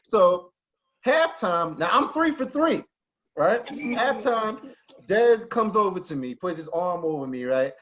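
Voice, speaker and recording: A man telling animated, profane stories in a casual podcast chat, often breaking into laughter. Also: high-pitched, takes it slowly. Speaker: podcast host. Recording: muffled lo-fi audio.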